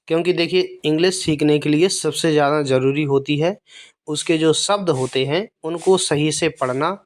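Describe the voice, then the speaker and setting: A teacher from India giving a beginner language lesson, spelling each word letter by letter, repeating it and explaining it patiently. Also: mid-range voice. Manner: patient, explanatory classroom delivery. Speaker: English teacher.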